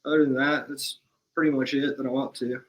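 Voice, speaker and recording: A man's voice: mid-range voice, little pitch movement, a little fast, poor audio. A young man from Alabama, a business owner guest, talking in a laid-back, matter-of-fact way. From Alabama, USA. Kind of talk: casual interview chat.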